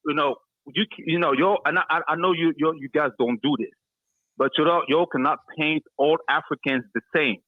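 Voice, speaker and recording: A man's voice: a little high, fairly quick, no room sound. A man from Cameroon calling in to a sports show, who keeps restarting and repeating words before he gets his point out. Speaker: caller. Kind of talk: phone-in call to a sports show. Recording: tinny phone line.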